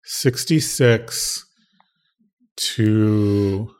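A man's voice: lowish voice, extremely slow, a little mellow, clear, resonant tone. A man in his forties co-hosting a casual podcast, teasing his partner with dry banter and telling stories. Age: 40s. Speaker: podcast co-host. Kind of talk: casual chat.

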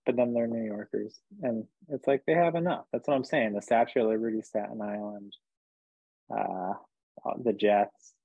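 Husky New Jersey man on a tinny line. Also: on the low side, normal speed, no room sound. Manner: rambling, joking, many fillers. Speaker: musician guest. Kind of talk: casual interview chat.

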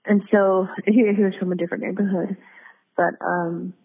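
As a guest on an interview, a middle-aged community activist from San Diego, United States, speaks casually at normal speed in a low voice with little pitch movement. She reflects candidly and rephrases as she goes, and the audio is tinny, like a phone line.

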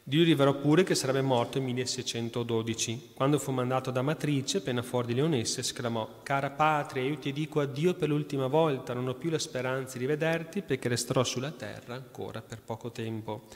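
Guy reading a saint's story out loud, drops quiet and chatty for asides, big echoey hall. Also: mid-range voice. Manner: reads then drops into quiet conversational asides. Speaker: priest reading a saint's life. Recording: long hall reverb.

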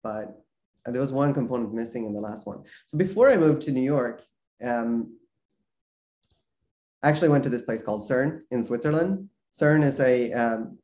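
A Swedish guest researcher talks casually during a video call interview, full of fillers and restarts. His voice is mid-range with a darkish tone, and the audio is reverberant.

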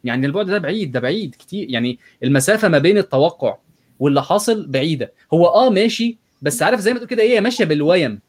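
Egyptian man chatting at very quick pace. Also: a little high, animated. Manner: mixes English technical terms into Arabic. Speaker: conversation partner questioning the analysis. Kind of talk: casual chat.

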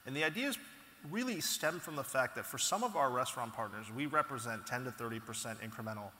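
A man being interviewed as a company founder, telling stories in an animated, casual way with frequent restarts. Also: mid-range voice, quick pace. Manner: animated storytelling, frequent restarts and "you know". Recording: echoey hall with long reverb.

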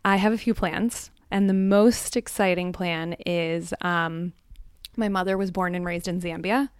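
A woman on the hot seat at a live event, telling personal stories in a candid, reflective way with frequent soft ums. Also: fairly low pitch, fairly even intonation, unhurried, clear, resonant tone, dry recording, studio quality. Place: live event before a small audience.

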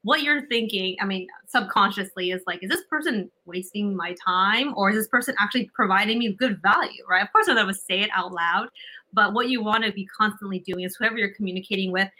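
A woman's voice: mid-range voice, brisk, bright, forceful tone, poor audio. A woman being interviewed as a communication coach, giving emphatic advice and often checking in with "right?". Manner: emphatic, repeats key points.

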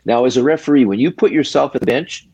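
An older man, a retired hockey referee, telling stories from his career in a casual interview, measured and reflective, in short pausing phrases. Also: mid-range voice, darkish tone, breathy edge, dry recording, highs cut off.

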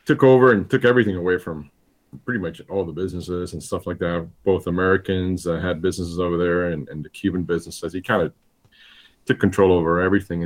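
A man in his fifties from Cuba, a guest telling his life story in a relaxed, rambling way with plenty of fillers. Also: low voice. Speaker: guest, gravel event organizer. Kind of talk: casual interview storytelling.

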